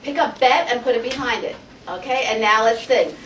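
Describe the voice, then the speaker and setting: A woman teaching a Hebrew phonics lesson to a class, energetic and coaxing, asking the group question after question. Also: fairly high pitch, moderate pace, a little hiss or hum. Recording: roomy classroom audio from far off.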